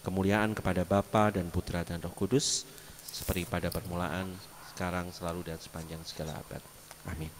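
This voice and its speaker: A man leading a solemn, measured prayer at a prayer meeting. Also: sits low, level tone, slight background noise. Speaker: prayer leader. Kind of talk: spoken prayer.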